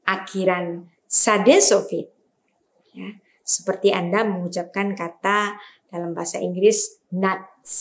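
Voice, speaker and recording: Woman, Indonesian accent, language teacher, unhurried pace, over-enunciated example words, didactic, medium pitch. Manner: didactic, frequently checking in with a tag word. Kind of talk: beginner reading lesson.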